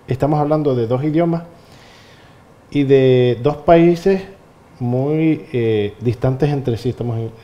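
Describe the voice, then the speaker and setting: A man's voice: medium pitch, slow, warm tone, muffled recording. A man, interviewing a guest with long, rambling questions.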